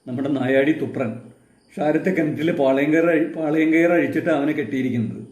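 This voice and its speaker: A man's voice: a little high, a little fast, darkish tone, natural voice. A man reading as an indignant village grandmother. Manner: complaining, exclaiming storyteller's reading. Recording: roomy echo.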